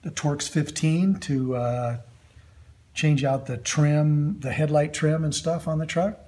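A man hosting a workshop video, casually showing his tools in a slow, halting way with lots of ums and uhs. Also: on the high side, fairly even intonation. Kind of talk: casual show-and-tell of tools. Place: indoor workshop at a metal bench. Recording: loud clatter of metal tools.

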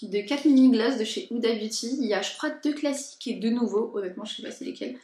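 A woman's voice: a little high, fast talker, warm tone. A young woman chatting casually in a haul and unboxing vlog, informally and hesitantly, thinking aloud as she goes. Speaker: lifestyle and beauty vlogger. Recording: echoey room.

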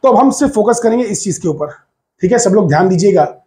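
A man's voice: sits high, animated, fast talker, darkish tone. A man teaching a physics lesson at a whiteboard, emphatic and coaxing, repeating key words for his students.

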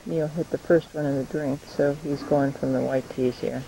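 A woman's voice: low voice, fairly even intonation, normal speed, gravelly, dark tone. A woman filming a family home video, chatting and narrating what she films, heard from an old VHS camcorder tape. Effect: old VHS camcorder tape sound. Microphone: built-in camcorder mic. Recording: dull lo-fi camcorder tape with faint hiss.

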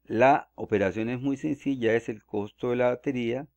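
A man from Colombia, calmly walking through cost calculations step by step in a screen-recorded tutorial. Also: mid-range voice, moderate pace, no room sound. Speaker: solar energy explainer.

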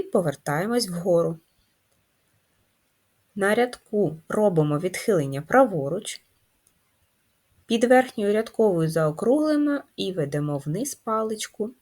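A woman teacher leading a first-grade writing lesson, explaining each step slowly and clearly. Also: mid-range voice, animated, darkish tone. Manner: slow, clear, instructive dictation. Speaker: primary school teacher.

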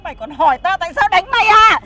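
In a web drama, an actress plays a scornful, hot-tempered middle-aged mother who is furious, scolding and insulting in shrill shouts. She talks fast with lively intonation, and a loud crowd can be heard.

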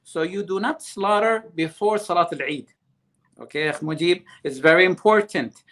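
A man's voice: sits high, moderate pace, fairly bright tone. A man as a religious scholar guest, explaining earnestly and weaving Arabic phrases into his teaching.

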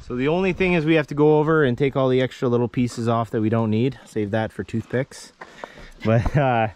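A man's voice: mid-range voice, fairly even intonation, brisk, a little mellow, slight background noise. A man in his thirties chatting casually about building plans, filmed on an action camera held at arm's length outside. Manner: chatty, explains plans while working. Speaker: vlogger building a house. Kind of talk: casual vlog narration. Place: outdoor building site in woods.

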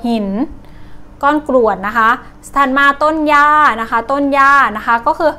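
High-voiced Thai teacher woman. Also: bright, forceful tone. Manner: slow, drawn-out repetition of each word. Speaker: English teacher. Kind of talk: vocabulary lesson for children.

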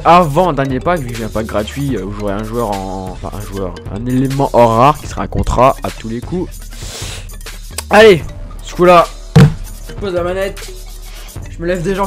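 A man doing casual, self-mocking commentary while opening game packs, stammering and laughing often. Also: mid-range voice. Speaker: gaming YouTuber.

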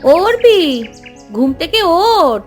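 Excitable scolding mom voiced by a woman: very high pitch, wildly swooping delivery. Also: normal speed, faint music behind, exaggerated voice. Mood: calling. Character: fussy worried mother. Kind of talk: storybook cartoon voice acting.

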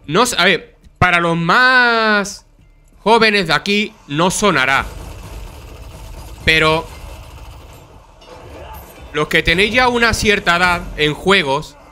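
A man's voice: sits high, expressive, slow pace, pauses often, pushed and bright, clean tone, soft background music. A man with a Spain Spanish accent giving casual gameplay commentary, swearing often and chatting to viewers, his throat sore from coughing. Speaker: gameplay streamer.

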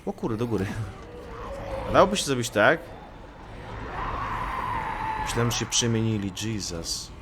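Playful man with a lively voice. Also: mid-range voice, measured pace, pauses often, noisy background. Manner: joking, talks to the enemies he fights. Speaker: gaming YouTuber. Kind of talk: Let's Play commentary.

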